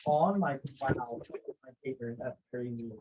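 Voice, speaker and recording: A man's voice: mid-range voice, unhurried, a little mellow, highs cut off. A man playing in a livestreamed tabletop game, chatting casually and tentatively with many hedges. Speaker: player. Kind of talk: casual chat during a tabletop game stream.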